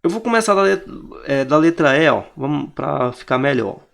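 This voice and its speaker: Man, Brazilian accent, teacher, explaining answers, slightly high voice, gravelly. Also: expressive, normal speed, a bit bright. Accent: Brazilian Portuguese. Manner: talks to the class, points things out with "ó".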